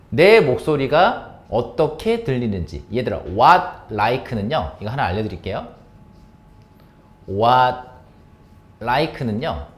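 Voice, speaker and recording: Male tutor, animated pitch, quizzing style, middle-pitched voice. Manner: lively, questioning, answers own questions. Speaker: English teacher. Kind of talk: explaining an exam passage to students.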